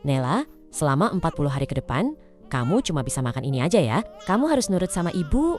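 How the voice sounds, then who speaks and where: A woman voicing a bossy, traditional older mother-in-law in an animated drama, scolding and domineering. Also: low voice, fast, soft background music. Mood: coaxing.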